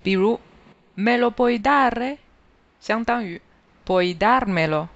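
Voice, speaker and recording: A teacher reads a grammar review lesson at a slow, careful pace, pausing over each item in a list. The voice sits at a middle pitch. The recording sounds slightly dull and lo-fi. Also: no echo. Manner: slow, even, careful reading of word lists. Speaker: language teacher. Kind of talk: scripted grammar lesson narration.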